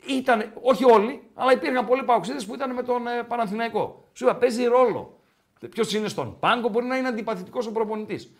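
Guy hosting a sports talk show, high voice, acts out little dialogues in his stories. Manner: storytelling, mimics dialogue in quotes; bantering, teasing. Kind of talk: casual sports chat.

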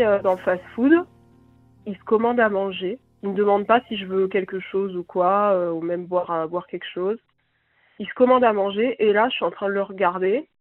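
A woman's voice: medium pitch, no room sound. A young woman from France telling a bad-date story in a chatty way, full of fillers and laughs, on a voicemail message. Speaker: listener sharing a story by voicemail. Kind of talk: casual storytelling. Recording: tinny phone voicemail line.

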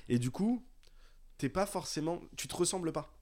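A podcast co-host in his twenties from the south of France, around Marseille, chats in a casual, slangy, rambling way. His fairly high, mellow voice is animated and moves at normal speed.

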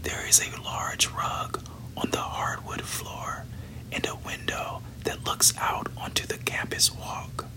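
A podcast host reading a novel aloud entirely in a hushed, unvoiced whisper, delivering the passages evenly. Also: rough recording. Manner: slow, hushed, even delivery of book passages.

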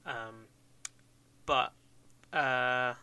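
A man's voice: mid-range voice, steady tone, very slow, gravelly, pushed and bright, clear, resonant tone. A man co-hosting a podcast in a casual, rambling chat, swearing and laughing often. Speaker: podcast co-host.

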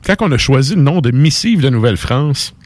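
A man's voice: medium pitch, brisk, dry recording. A man with a Québécois accent co-hosting a podcast, telling stories in casual, colloquial chat full of fillers. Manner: animated, colloquial storytelling with frequent fillers. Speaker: podcast co-host.

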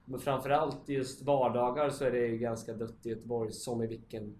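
A man hosts an informal conversation in a joking, halting manner. His pitch is ordinary for a man. The recording has clear room echo and a little background noise. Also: fairly even intonation, a little mellow. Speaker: interview host. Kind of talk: casual chat.

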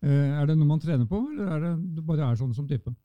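A man's voice: fairly high pitch, no room sound. A male co-host asking curious, conversational questions in an interview. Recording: dry, phone-like sound.

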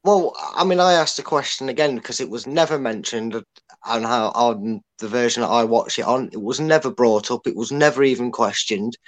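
A man's voice: mid-range voice, normal speed. A man talking football casually as a fan pundit, blunt and repeating his points for emphasis.

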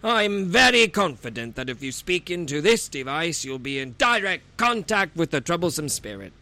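A man's voice: fairly high pitch, sing-song, normal speed, pushed and bright, heavily acted. A man playing a confident, patronising paranormal technician in a comedy radio sketch. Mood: eager, patronising. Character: fussy, confident male paranormal equipment technician.

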